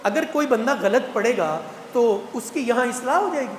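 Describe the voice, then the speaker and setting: A man, giving a lively mosque talk at a Quran gathering and putting playful rhetorical questions to the congregation. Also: extremely high pitch, slight background noise. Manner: animated, teasing rhetorical questions to the crowd. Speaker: guest speaker at a Quran completion gathering. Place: large mosque hall. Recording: echoey mosque hall with long reverb.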